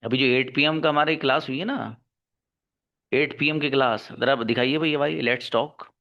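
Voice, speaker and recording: A male English teacher with a mid-range voice lectures his class at normal speed, scolding and urging the students to work hard while calling them son and daughter. The recording is dull and lo-fi.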